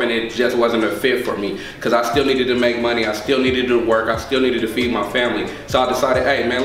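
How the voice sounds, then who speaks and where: Earnest barber student from across a room. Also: male voice, medium pitch, noisy background. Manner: earnest, says "man" a lot. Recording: echoey room from a distance.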